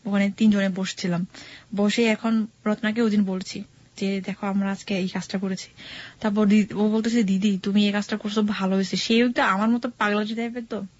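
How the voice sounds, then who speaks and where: A woman's voice: mid-range voice, flat delivery, fairly quick, darkish tone. A young woman with a Dhaka Bengali accent, telling her own life story on a radio show in a rambling way and acting out what others said. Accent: Bangladeshi Bengali, Dhaka area. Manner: rambling, repeats phrases, acts out quoted dialogue. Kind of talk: casual personal storytelling on radio. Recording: dull lo-fi radio broadcast audio.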